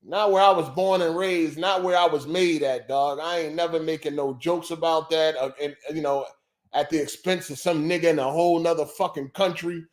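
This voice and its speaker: Loose-talking high-pitched man. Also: fairly even intonation, moderate pace. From Philadelphia. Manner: loose, profane, repetitive banter. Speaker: podcast host. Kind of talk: casual livestream chat.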